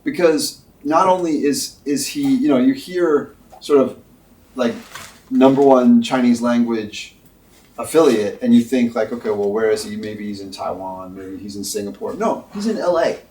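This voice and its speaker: A man, a company executive, eagerly introducing a guest in casual chat, talking fast and repeating words as he goes. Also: medium pitch, a little mellow. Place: Ledger's Paris headquarters. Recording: roomy, distant.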